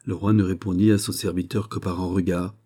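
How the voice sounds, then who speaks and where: A man reading a classic novel aloud as an audiobook narrator, in a measured, steady way. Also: low-pitched, husky. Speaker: audiobook reader. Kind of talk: scripted narration.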